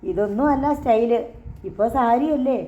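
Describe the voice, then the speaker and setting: A woman's voice: a little high, normal speed, dark tone, lo-fi sound, close to an everyday voice. A woman doing a cheeky teasing sister. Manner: mocking, playful.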